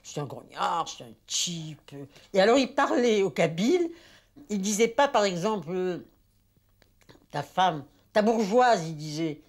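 An older woman being interviewed, recounting old memories in a lively storytelling manner with frequent hesitations. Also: on the low side, normal speed. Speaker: interviewee recalling war reporting. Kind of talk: spoken reminiscence.

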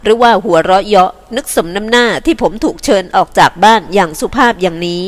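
A woman's voice: mid-range voice, fast, natural voice. A woman reading the part of an earnest young man who pleads to be heard. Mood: pleading.

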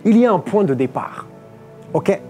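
A young Portuguese preacher delivers a livestreamed sermon from a lectern on a studio stage, faint music playing behind him. His high voice is mellow and relaxed at a normal speed as he explains patiently. He keeps asking "ok?" and sprinkles in "amen."

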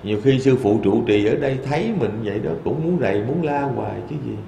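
A man, a Buddhist monk, giving a dharma talk in a temple hall with lively storytelling. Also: mid-range voice, fast, gravelly, slight background noise. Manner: lively storytelling, quoting voices in asides.

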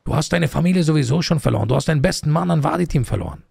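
A man with a heavily gravelly, fairly high voice plays a gang boss in street roleplay, lashing out with Spanish slang. His pitch leaps around animatedly and the sound is dry and close. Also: animated, racing, darkish tone, no echo. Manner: domineering, berating, peppered with Spanish slang.

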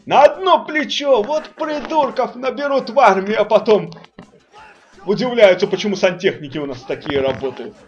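A man's voice: sits high, animated, normal speed, lo-fi sound, soft background music. A man voicing a bullying, foul-mouthed army drill sergeant who barks commands and insults in a comic parody dub. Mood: barking, bullying.

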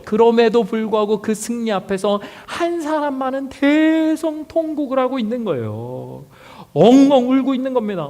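A man preaching from the pulpit with a very high voice, drawing listeners into the story through a stream of rhetorical questions. His voice rings out with long reverb from the church hall around him. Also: darkish tone. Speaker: pastor. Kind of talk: sermon. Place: church sanctuary.

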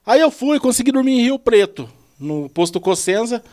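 A man's voice: very high voice, normal speed. A man from the São telling a long personal story in a casual podcast chat, quoting what people said. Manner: rambling, animated retelling with quoted dialogue. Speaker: podcast guest; truck driver.

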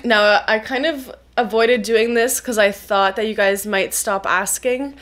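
A woman's voice: fairly high pitch, steady tone, measured pace, fairly bright tone. A young woman with a stuffy, nasal voice from a cold, chatting through a skincare review with lots of "um" fillers. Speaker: skincare reviewer, biochemist YouTuber. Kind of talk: casual explanatory video review.

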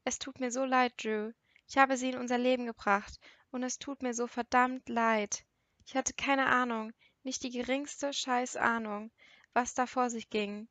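A grief-stricken middle-aged father breaks down and pleads in a tearful, cracking voice, as a woman reads him. The reading sits on the higher side and is recorded close and dry, like a storybook narration. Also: fairly even intonation, measured pace, a bit bright, dry recording. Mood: distraught.

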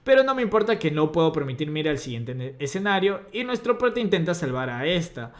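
Male comic-recap narrator, chatty retelling style with a lively, somewhat high voice. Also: brisk. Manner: chatty, retelling scenes with quoted lines.

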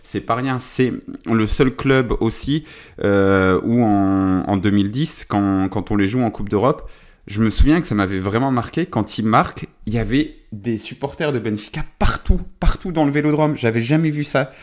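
A man's voice: medium pitch, normal speed. A tired man casually debriefing a football match on his live stream, chatty and full of hesitations and restarts.

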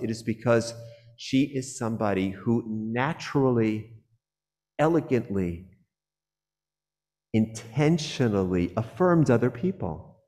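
A man, a rabbi, giving a sermon with a measured, earnest delivery and slow, emphatic phrases. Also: mid-range voice, a little mellow, in a large hall. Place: synagogue sanctuary.

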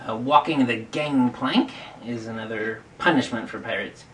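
A man's voice: mid-range voice, moderate pace. A man hosting a family video, playfully explaining words step by step in a casual teaching talk. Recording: distant mic with faint noise.

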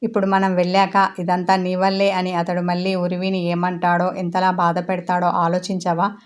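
A woman voicing a gentle young woman who pleads with an angry man to calm down in a storybook reading. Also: lowish voice, moderate pace, close to an everyday voice. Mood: pleading. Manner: pleading, calming.

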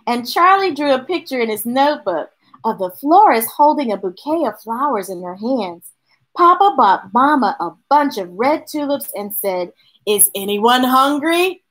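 In a small indoor room with bookshelves, a storytime host reads a picture book aloud to young listeners, slow and animated, with a slightly high voice on poor audio. Her delivery is expressive and drawn out, with chatty asides to the children.

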